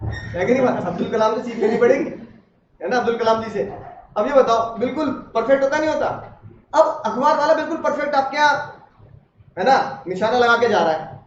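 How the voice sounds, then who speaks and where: A man's voice: extremely high pitch, brisk, a little hiss or hum. A man teaching law to a class, chatty and joking, asking students questions as he goes. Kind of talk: classroom lecture. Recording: roomy, distant, dull classroom recording.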